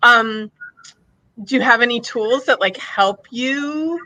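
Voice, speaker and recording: A woman's voice: a little high, slow pace, sharp tone, no echo, low-quality recording. A woman hosting a live podcast, enthusiastic and chatty, with lots of "like" fillers. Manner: enthusiastic, filler-heavy, says "like" often. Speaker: podcast host.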